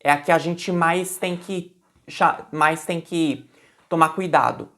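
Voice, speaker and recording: Lower-pitched woman teaching a lesson. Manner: stresses example words loudly, repeats them slowly; restarts and fillers, conversational. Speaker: Portuguese language teacher. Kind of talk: explanatory lesson.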